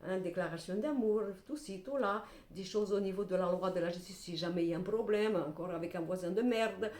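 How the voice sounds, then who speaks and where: A middle-aged woman doing a casual tarot reading to camera. She talks bluntly and swears, with lively swings in pitch and frequent verbal tics. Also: brisk. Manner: animated, blunt and salty, with repeated "hein" and "voilà". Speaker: tarot card reader. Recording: echoey room.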